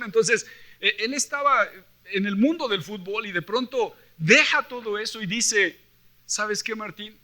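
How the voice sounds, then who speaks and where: Speaking to a church convention, a man with a Mexican accent preaches in a forceful, high, very bright voice. He weaves Bible passages together with his own stories, dramatizing conversations like a lively storyteller and driving his points with emphatic rhetorical questions.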